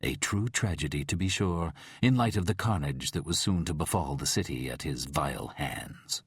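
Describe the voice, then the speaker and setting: A man narrating an audiobook thriller in a measured, dramatic storytelling manner. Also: extremely low pitch, husky, dry recording, studio quality.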